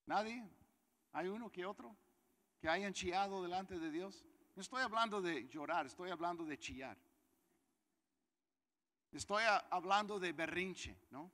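A man's voice: sits high, unhurried, pauses often, pushed and bright, in a large hall. A man preaching a sermon, talking conversationally and putting questions to his congregation. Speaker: pastor.

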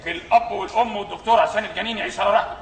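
A man's voice: high-pitched, fairly even intonation, very fast, a crowd in the background, close to an everyday voice. An actor with an Egyptian accent playing a cheeky man who laughs through his jokes, in a stage comedy. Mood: joking. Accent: Egyptian Arabic. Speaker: comic sidekick in a stage play. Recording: echoey theater stage, loud hiss.

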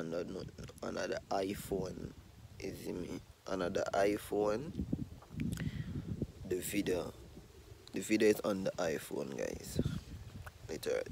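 A young Trinidadian man vlogging outdoors into a phone held at arm's length, complaining in a low, glum way. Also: creaky, slight background noise. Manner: low, glum complaining, turning loud and laughing at the end. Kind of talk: casual vlog talk to camera. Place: outdoors among bushes and palms.

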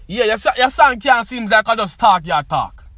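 A man's voice: high-pitched, expressive, moderate pace, sharp tone, dry recording, clean studio sound. A man with a Jamaican accent giving a casual, emphatic review of a song. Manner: emphatic, keeps asking "you see me". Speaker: music reviewer.

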